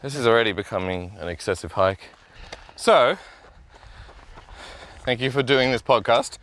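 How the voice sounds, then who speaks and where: A man's voice: mid-range voice, moderate pace, a bit bright, a little hiss or hum. A man hosting a casual podcast on a bush hike, out of breath and joking around. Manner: joking, playful. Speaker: podcast host. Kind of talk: casual chat while hiking. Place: outdoors on a bush hiking trail.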